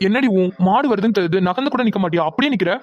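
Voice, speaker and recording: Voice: mid-range voice, lively intonation, racing, highs cut off, close to an everyday voice. A voice actor playing a bossy, protective young man in a cartoon who gives orders. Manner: bossy, commanding.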